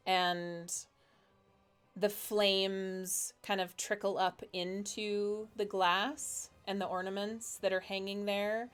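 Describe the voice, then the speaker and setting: Slow-narrating woman game master. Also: medium pitch, a bit bright, clean tone. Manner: descriptive, searching for words.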